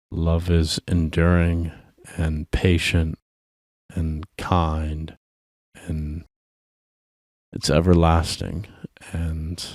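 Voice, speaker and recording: A man's voice: sits low, a little mellow, dry recording, studio quality. A tired young man hosting his own music show, talking casually in a profane, rambling way. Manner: profane, laid-back rambling. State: tired and drinking. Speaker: host. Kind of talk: casual solo music commentary.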